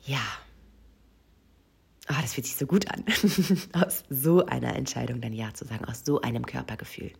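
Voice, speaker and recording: A woman's voice: a bass voice, expressive, normal speed, creaky, a little mellow, husky. A woman coach talking intimately to the listener in a personal monologue, often sinking into a whisper. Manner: addresses the listener directly. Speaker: session coach.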